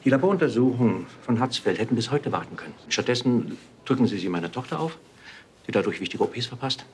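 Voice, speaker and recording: A man acts a pompous senior hospital professor in a TV drama. He is confrontational, his pitch moving widely as he accuses. Faint room ambience lies behind him. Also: expressive, quick pace, darkish tone, a little hiss or hum, lightly acted. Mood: indignant. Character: imperious, accusing male hospital professor and father. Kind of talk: naturalistic TV drama acting.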